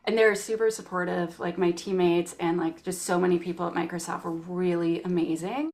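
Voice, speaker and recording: A Canadian woman, a guest in a casual interview, telling stories with lively acted-out quotes. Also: lowish voice, fairly quick. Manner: animated storytelling, acts out quotes.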